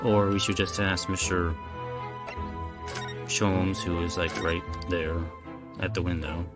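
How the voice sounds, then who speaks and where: A man's voice: low voice, level tone, takes it slowly, over loud music. A man playing a video game, casually commenting and reading its dialogue aloud. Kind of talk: casual let's play with dialogue read-aloud.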